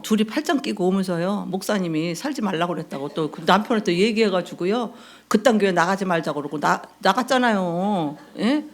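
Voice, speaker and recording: A woman pastor preaching a sermon in a conversational, storytelling way. She acts out quoted dialogue and keeps asking the congregation for responses. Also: mid-range voice.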